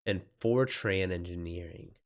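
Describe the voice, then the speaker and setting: A man with a deep voice and measured pace hosts a livestream as an author running a live chat, talking in a casual, informal style while reacting to chat comments with exclamations and swearing.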